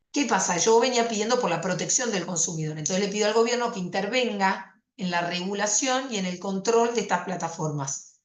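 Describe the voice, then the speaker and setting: A woman's voice: fairly low pitch, roomy sound. A woman prosecutor giving a university lecture on consumer law, explaining conversationally with fillers and rhetorical questions.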